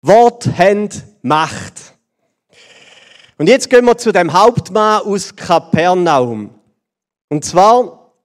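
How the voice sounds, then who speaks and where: A man with a Swiss German accent giving a playful, animated children's sermon, talking straight to the kids. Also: high voice. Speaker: preacher. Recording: long reverb of a large hall.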